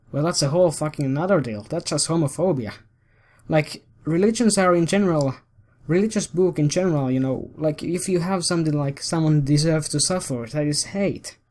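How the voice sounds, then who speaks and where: A man's voice: fairly high pitch, brisk, a little mellow. A man hosting a commentary video, ranting in a heated, profane and rambling way.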